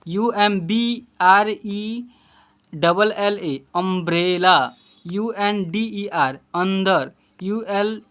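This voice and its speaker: Man spelling words aloud in a lesson. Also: sits high. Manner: spells words letter by letter, then says them slowly; repetitive and self-correcting, addresses viewers warmly. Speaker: English pronunciation teacher. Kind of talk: informal video lesson.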